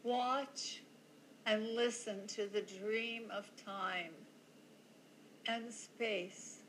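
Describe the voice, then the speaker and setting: Cryptic mystic, slow oracular delivery, faint ambience behind. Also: female voice, medium pitch, steady tone, a bit bright, a little hiss or hum, low-quality recording. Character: cryptic older woman mystic from a TV show.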